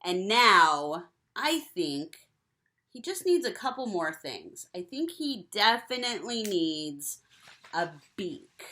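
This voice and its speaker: A young woman walks children through a craft project in a cheerful, step-by-step way. Her voice is bright and lively, rising and falling a lot. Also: medium pitch, slow. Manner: cheerful, step-by-step instructions to kids. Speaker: teacher.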